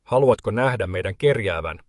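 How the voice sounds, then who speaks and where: Cornered grown son begging and yelling, done by a low-voiced guy. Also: animated, no echo, studio quality, lightly acted. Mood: pleading. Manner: pleading, loud. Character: desperate, indebted adult son.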